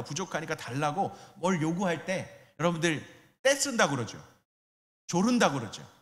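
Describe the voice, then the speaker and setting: A man's voice: fairly high pitch, a bit bright, long reverb tail. A middle-aged male pastor preaching a sermon in a church, asking his listeners questions and acting out quoted voices. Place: church sanctuary.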